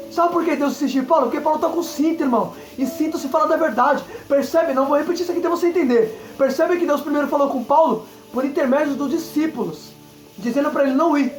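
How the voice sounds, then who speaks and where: Brazilian evangelist man, high fervent preaching voice, echoey room, soft music underneath. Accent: Brazilian Portuguese. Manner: fervent, repeats "entenda isso aqui", exclaims aleluia. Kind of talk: Pentecostal sermon. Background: faint music.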